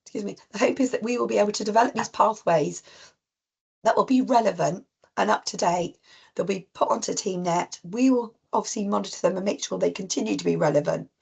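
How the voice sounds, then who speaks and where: A woman with a cold, husky and coughing, giving an informal online talk to practice teams with many ums and restarts. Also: mid-range voice, fairly quick. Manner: rambling with frequent ums and restarts. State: coughing, voice strained. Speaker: clinical lead presenting to practice teams. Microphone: video call.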